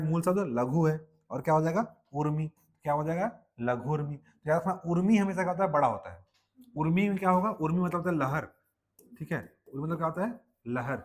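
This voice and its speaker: A male teacher with a Chhattisgarhi Hindi accent, giving a classroom grammar lecture and constantly asking his students questions. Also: a little high.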